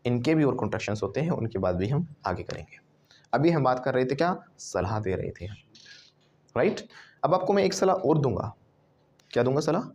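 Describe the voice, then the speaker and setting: A man with an Indian accent teaching a spoken English class, animated, drilling his students with call-and-response repetition. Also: medium pitch, fairly quick. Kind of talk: classroom lesson.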